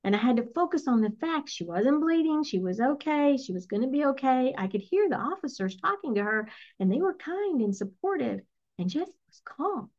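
A middle-aged woman, a spiritual energy coach, telling a personal story in an earnest, reflective, softly emotional way. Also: high voice, big pitch swings, moderate pace. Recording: slightly muffled lo-fi recording.

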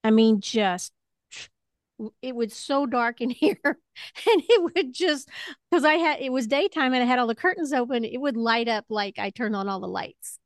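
Speaking at a moderate pace, a woman with a slightly high voice coaches someone one-to-one on spiritual matters. Her guidance is gentle, reassuring and conversational, and the recording is completely dry, with no room sound at all.

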